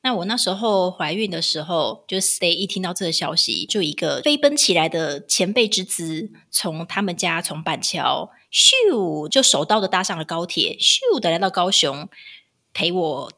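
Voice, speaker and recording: A woman, co-hosting a podcast in casual chat and telling animated stories. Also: on the low side, normal speed. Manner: animated storytelling, acts out voices with laughs. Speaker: podcast co-host.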